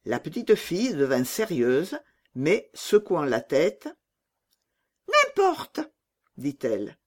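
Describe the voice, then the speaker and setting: Woman reading a kids' fairy tale aloud, really animated, sing-song. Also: low voice, takes it slowly. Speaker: narrator. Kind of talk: storybook reading for children.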